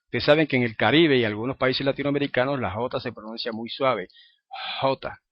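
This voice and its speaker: A man's voice: medium pitch, fast, no echo. Guy teaching a lesson, patient, keeps asking ok, dry dull lo-fi sound. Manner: explains patiently, checks in with "¿ok?" and "¿verdad?". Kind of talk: recorded lesson.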